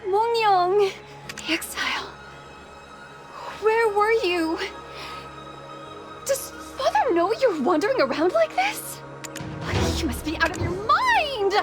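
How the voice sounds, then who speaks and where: A shrill, nagging young wife. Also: female voice, big pitch swings, takes it slowly, long pauses, exaggerated voice. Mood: scolding. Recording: game audio with clear music behind.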